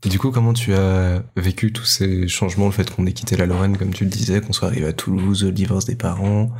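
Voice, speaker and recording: A man of thirty hosting a podcast, asking questions in a relaxed, teasing way. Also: deep voice, brisk, breathy edge. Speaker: podcast host, interviewer. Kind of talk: casual interview chat.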